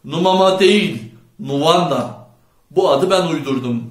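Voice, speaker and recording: A man's voice: on the high side, a little slow, pitched above the performer's own voice, lightly acted. Man doing a confident teen boy leader, playful, bossy, slightly raised voice, roomy echo, audiobook. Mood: cocky. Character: bold charismatic teenage boy leader. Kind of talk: audiobook character voice.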